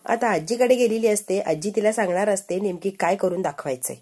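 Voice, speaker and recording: A woman's voice: medium pitch, a little fast, mellow, slightly rough. A woman narrating a recap of a TV serial episode in a casual storytelling way, retelling scenes in the present tense and reading out each character's lines.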